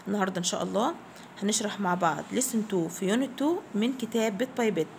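A woman's voice: mid-range voice, expressive, fast talker, creaky, a little hiss or hum. A woman with an Egyptian Arabic accent teaching English vocabulary to young pupils, repeating each word and spelling it out letter by letter in a fond tone. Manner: affectionate, addresses pupils as "my dears". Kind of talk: classroom vocabulary lesson.

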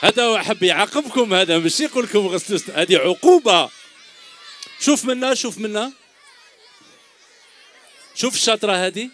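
A man's voice: high-pitched, expressive, brisk, long pauses, a bit bright, some chatter behind, a little hiss or hum. A middle-aged man with an Algerian Arabic accent, hosting a children's show on an outdoor stage, teasing kids with quiz questions into a handheld microphone. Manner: teasing, jokey, calls kids "my dears". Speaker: children's entertainer host. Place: outdoor stage before a large crowd of children.

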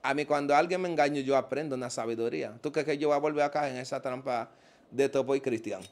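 A man's voice: mid-range voice, fast talker. A man with a Dominican accent, a guest in a casual interview, telling stories with animation and acting out the voices of the people he quotes.

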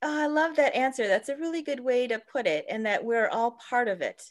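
A woman's voice: on the high side, brisk. A middle-aged woman hosting a friendly interview for children over a video call. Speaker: host. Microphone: video call microphone.

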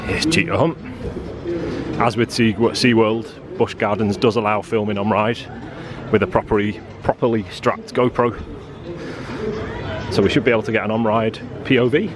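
A man's voice: fairly low pitch, steady tone, moderate pace, long pauses, crowd noise. A middle-aged man chatting casually and commenting for an outdoor theme park vlog. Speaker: vlogger. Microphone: handheld action camera at arm's length. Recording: outdoor camera sound, loud music behind.

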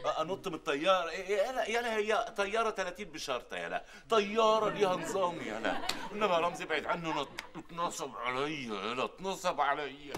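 An actor playing a hot-tempered man conned out of his trip, with an Egyptian accent, loud and indignant in a sitcom. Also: fairly high pitch, lively intonation, fast talker, a crowd in the background, lightly acted. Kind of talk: sitcom acting. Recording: sitcom studio with laugh track. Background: studio audience laughter.

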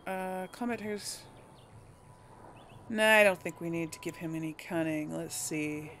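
A woman hosting a role-play game playthrough offers casual commentary, musing aloud, hesitating and correcting herself as she speaks to viewers. Her voice is fairly low, level, slightly slow and a bit bright, with a little hiss or hum.

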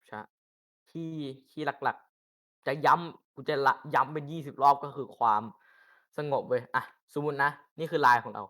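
A man's voice: medium pitch, normal speed, a bit bright. A young man casually teaching game tactics, rambling with fillers and crude swearing. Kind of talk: casual informal tutorial.

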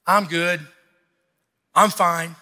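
Male pastor, sermon delivery, emphatic and bright-edged, amplified with long hall reverb. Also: sits high, level tone, extremely slow. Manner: emphatic, exhorting, repeats phrases for effect. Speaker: pastor preaching. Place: large church stage, indoors.

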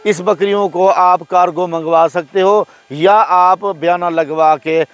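Pakistani farmer selling goats, higher voice. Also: male voice, steady tone, unhurried, no echo. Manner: friendly salesman patter, keeps saying "my brother". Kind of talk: casual sales vlog. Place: outdoors on a farm by open fields. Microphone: handheld phone camera.

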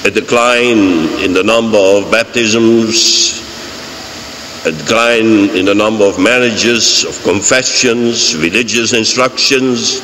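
An older man with a Dutch accent, a priest giving a homily from the pulpit of a large church, slow, deliberate and emphatic. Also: mid-range voice, a bit bright. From Netherlands. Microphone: fixed mic on pulpit. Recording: church reverb, faint hiss.

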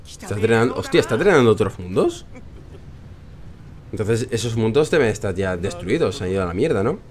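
A man's voice: fairly low pitch, expressive, fairly quick. A young man with a Spain Spanish accent, hosting a let's play with joking, sarcastic, swear-filled casual commentary.

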